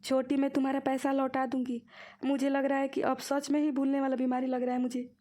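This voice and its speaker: A woman's voice: sits high, completely flat delivery, fairly quick, warm tone, natural voice. A woman voicing a complaining aging woman who pretends to be forgetful in a cartoon. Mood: remorseful. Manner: complaining, whiny. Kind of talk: cartoon voice acting.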